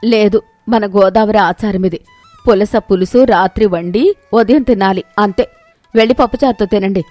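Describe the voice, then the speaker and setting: A woman's voice: medium pitch, moderate pace, mellow, no echo, faint music behind, close to an everyday voice. Woman as strict mother-in-law; firm, commanding, no nonsense.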